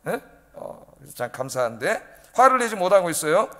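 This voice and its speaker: A male pastor delivering a midweek sermon, emphatic and animated, often prodding the congregation with rhetorical questions. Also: high voice, brisk, in a large hall. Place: church sanctuary.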